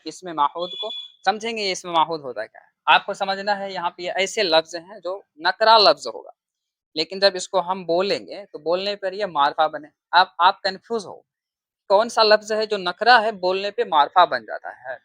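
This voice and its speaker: A man teaching Urdu grammar as a class-style lesson. He asks himself questions, answers them, repeats the key terms and draws words out slowly as he writes them. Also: sits high, fairly bright tone, dry recording. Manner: slow, drawn-out stress on terms while writing.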